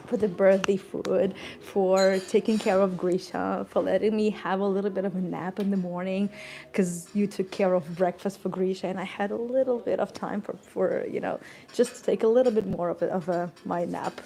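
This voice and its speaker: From a cozy indoor garden café, a woman tour guide vlogger chats casually on a live stream, thanking her viewers, laughing often and stumbling over her words. Her medium-pitched voice is dark and steady with vocal fry, at a moderate pace, over slight background noise.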